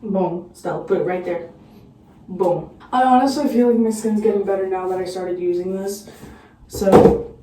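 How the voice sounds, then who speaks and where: A woman's voice: mid-range voice, moderate pace, mellow, far from the mic. A woman vlogging casually at home, rambling and poking fun at herself with plenty of ums. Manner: rambling, self-mocking, lots of ums. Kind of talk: casual cooking vlog chat. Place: home bathroom and kitchen. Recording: roomy, from off-mic, household noise.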